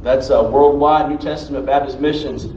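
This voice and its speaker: A man's voice: medium pitch, fairly even intonation, normal speed, a little mellow. Distant, echoey male pastor introducing a guest. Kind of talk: informal church introduction. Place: indoors in an echoey church. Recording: echoey, distant, dull sound with faint noise.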